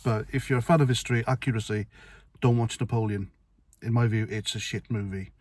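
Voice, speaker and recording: A middle-aged Welsh-speaking vlogger delivers a casual opinion monologue to camera, blunt, rambling, and sweary, with frequent restarts. His voice is lowish and darkish, fairly even in intonation and a little fast, with no room sound.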